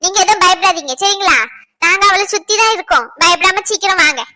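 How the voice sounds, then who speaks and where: A kind young neighbor, played by a woman with a very high, bright voice, soothing and reassuring. Close, dry sound. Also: fast, dry recording, exaggerated voice. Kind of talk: Tamil cartoon dubbing.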